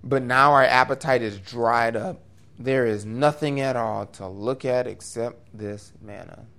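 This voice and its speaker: A man preaching a sermon, his voice at a middling pitch. He talks in an earnest, conversational way, lifting his voice for emphasis and dropping into quick asides. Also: fairly bright tone. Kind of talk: expository sermon.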